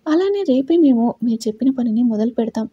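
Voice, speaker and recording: A deferential hired man reporting what he saw, polite and matter-of-fact, voiced by a woman. Dark, husky tone, dry sound. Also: on the high side, animated, a little fast, dry recording, muffled recording. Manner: respectful, reporting. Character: hired male tracker, deferential.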